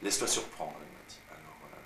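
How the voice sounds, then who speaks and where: Low-voiced parisian guy chatting away about acting, roomy room, hissy old home video. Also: fast, gravelly, recorded from a distance. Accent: Parisian French. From France. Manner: chatty storytelling, frequent "tu vois". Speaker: actor. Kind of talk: casual interview at home. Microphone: far camera mic.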